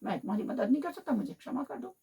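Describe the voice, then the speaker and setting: A woman's voice: high-pitched, big pitch swings, fast talker, mellow, breathy edge, full character voice. A woman voicing a male peacock who hurriedly makes excuses and apologizes. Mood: apologetic.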